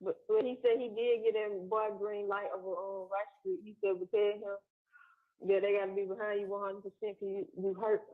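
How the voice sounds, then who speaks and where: Fast-talking woman on a payphone call. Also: mid-range voice, level tone. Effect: payphone call line. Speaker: caller on a jail phone call. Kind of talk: casual phone chat. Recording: tinny recorded jail phone call.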